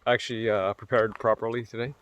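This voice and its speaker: A man's voice: medium pitch, level tone, fast, lo-fi sound, a little hiss or hum. A tired, sore man talking casually to his camera on a forest hiking trail, rambling with fillers and swearing. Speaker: vlogger on a solo hike. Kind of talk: casual hiking vlog narration.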